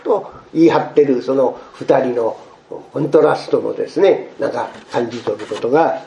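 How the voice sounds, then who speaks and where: A male pastor preaching a sermon to his congregation, expressive and acting out the quoted speech. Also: mid-range voice, moderate pace, vocal fry, echoey room, dull audio.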